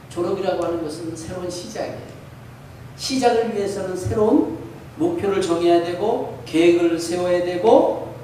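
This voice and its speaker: A man's voice: sits high, dark tone. A man preaching an earnest graduation sermon, urging his listeners on. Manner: earnest exhortation, reading a quoted letter aloud. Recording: echoey hall, mic far off, faint noise.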